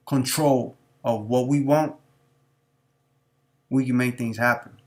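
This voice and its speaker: A man's voice: medium pitch, fairly bright tone. A man hosting a live stream, talking off the cuff in a preachy, repetitive, street-talking way. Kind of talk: unscripted monologue.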